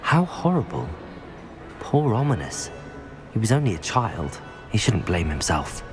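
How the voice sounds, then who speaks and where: An actor playing a curious, sympathetic young wizard student in a video game. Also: male voice, lowish voice, sing-song, unhurried, over music. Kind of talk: video game dialogue acting.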